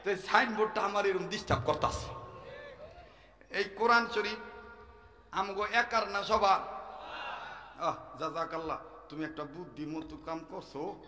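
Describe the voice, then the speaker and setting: A man preaching a comic sermon at an open-air gathering. He chants long rhythmic lists, shouts call-and-response lines to the crowd, and drops into quick joking asides. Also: high voice. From Shariatpur, Bangladesh. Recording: echoey loudspeaker sound with long reverb, faint crowd.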